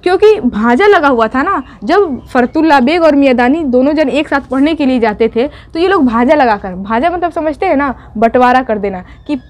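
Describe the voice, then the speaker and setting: A woman's voice: sits high, expressive, normal speed, few pauses. A young woman teacher who retells a story for her students, voicing its characters' lines and adding exam tips.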